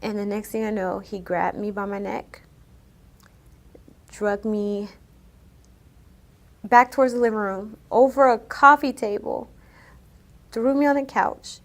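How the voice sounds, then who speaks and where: Soft-spoken woman recounting her story. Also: medium pitch, expressive, takes it slowly, pauses often. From United States. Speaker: interviewee telling her story. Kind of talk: personal account in a news interview.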